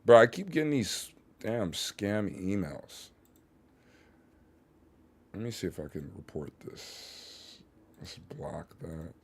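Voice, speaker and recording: Low-voiced man streaming a game, slangy. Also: big pitch swings, takes it slowly, vocal fry, long pauses, breathy edge. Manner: laid-back, slangy and profane. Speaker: livestreamer. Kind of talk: casual live gameplay chat.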